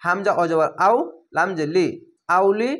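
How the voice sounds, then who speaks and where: Bengali-accented male Quran teacher, patient drawn-out syllable-by-syllable delivery. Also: high voice, fairly bright tone. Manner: slow, syllable by syllable, drawn-out vowels. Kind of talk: slow spelled-out recitation lesson.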